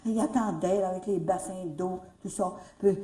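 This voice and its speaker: A woman's voice: lowish voice, moderate pace. Canadian French woman telling stories in an echoey hall. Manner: animated, repeats words, rising exclamations. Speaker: retreat speaker. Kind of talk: storytelling talk. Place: retreat hall. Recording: echoey room, mic far off.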